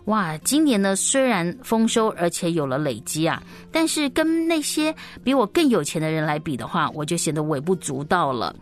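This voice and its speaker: A woman's voice: lowish voice, very animated, normal speed, few pauses, faint music behind. A woman voicing a discouraged, envious farmer in a children's story, lamenting his lot as if reading to small children. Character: discouraged, envious farmer comparing himself to the rich.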